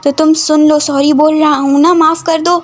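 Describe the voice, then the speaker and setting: A woman's voice: sits high, little pitch movement, normal speed, a little hiss or hum, voice pushed up, lightly acted. A woman voicing a cheeky young male university student who teases and pesters. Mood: teasing.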